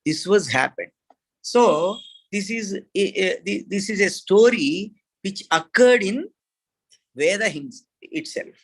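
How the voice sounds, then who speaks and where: Slow, gravelly Indian-accented male teacher. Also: sits high, animated, fairly bright tone, low-quality recording. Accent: Indian English. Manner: slow, halting delivery with many fillers and restarts. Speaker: Sanskrit teacher. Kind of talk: online class lecture.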